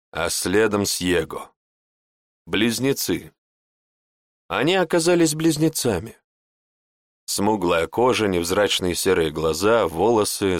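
A man reading a fantasy audiobook in an even, deliberate manner. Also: lowish voice, dry recording, studio quality. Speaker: audiobook narrator. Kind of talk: scripted fantasy narration.

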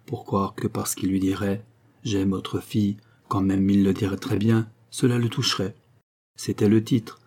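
A man giving steady, expressive scripted narration of a classic novel. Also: medium pitch. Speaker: audiobook reader.

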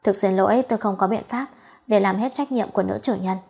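A timid young lady in an audiobook, hesitant and uneasy, speaking with a lonely softness, as a woman narrator reads her. Her tone is husky and breathy. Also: mid-range voice, fast talker, faint music behind. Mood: shy uneasy. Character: shy, anxious young woman hostess.

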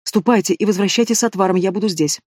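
A man's voice: sits high, fast, darkish tone, no echo, studio quality. A man voicing a desperate young wife of a dying king, pleading and urgent. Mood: anxious.

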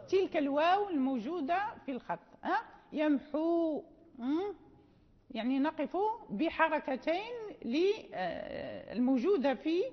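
A woman teaching Quran recitation rules in a lesson, often checking in with listeners and drawing out quoted verses slowly. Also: sits high. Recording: dull lo-fi audio with long hall reverb.

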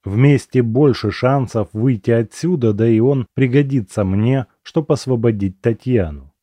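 A man narrating a fantasy audiobook in the first person, in an even, measured storytelling manner. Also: mid-range voice, no echo, clean studio sound.

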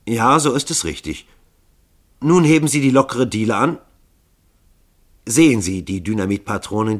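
A man reading a novel aloud, voicing an older chief of assassins who speaks calmly and politely. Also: on the low side, pitched above the performer's own voice. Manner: calm, polite, controlled. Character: older male chief of assassins, calm and courteous.

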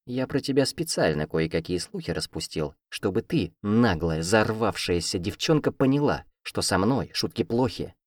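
A man's voice: lowish voice, big pitch swings, moderate pace, few pauses, no room sound, clean studio sound. A man voicing an arrogant young male aristocrat student, smug and taunting, in an audiobook.

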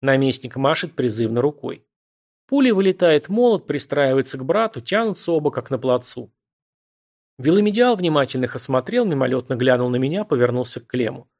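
A man narrating a first-person audiobook in a vivid, expressive reading style. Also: medium pitch, a little fast.

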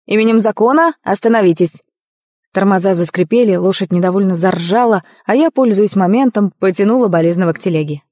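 A woman narrating first-person fiction as an audiobook reader, with a lively, expressive reading. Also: medium pitch, fast talker, hardly any pauses, no room sound, studio quality.

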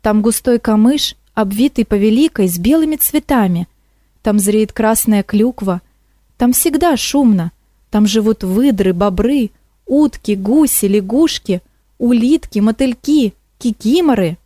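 A woman's voice: on the high side, lively intonation, measured pace, dark tone, dry recording, clean studio sound. Woman voicing Moroshka, an eager swamp kikimora. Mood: pleading. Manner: pleading, enthusiastic.

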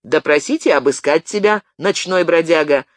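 A man reading an audiobook, voicing a blustering peasant who protests loudly and rattles off complaints. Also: fairly high pitch, normal speed, no echo, clean studio sound, lightly acted. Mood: indignant. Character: loud indignant peasant man, quick to protest.

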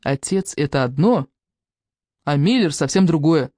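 A woman's voice: deep voice, expressive, moderate pace, mellow, no echo, studio quality. A woman voicing an earnest, caring young woman who talks her friend round, in a storybook reading. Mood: persuasive.

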